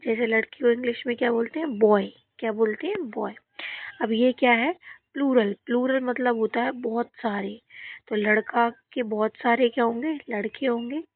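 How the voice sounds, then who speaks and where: A woman's voice: a little high, moderate pace, no room sound. A woman teaching a children's English grammar lesson, asking questions and answering them herself, repeating the key words. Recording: dry, phone-like audio.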